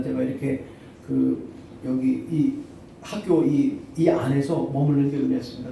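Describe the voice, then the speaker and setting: A middle-aged man preaching a sermon as pastor, telling stories in a halting way with many fillers. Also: on the high side, warm tone, slight background noise. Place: church sanctuary. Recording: echoey church hall from far off.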